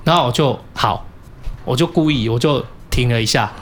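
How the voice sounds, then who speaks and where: A man with a Taiwanese Mandarin accent telling a story in casual chat, cursing and shouting when he acts out his anger. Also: medium pitch, moderate pace, a little hiss or hum. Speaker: podcast co-host.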